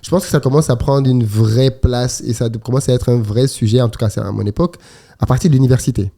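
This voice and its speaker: Host: middle-aged man from Cameroon, warm dark tone, chatty and laughing, casual panel talk. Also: medium pitch, steady tone, fast talker, creaky. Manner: chatty, laughs while telling stories.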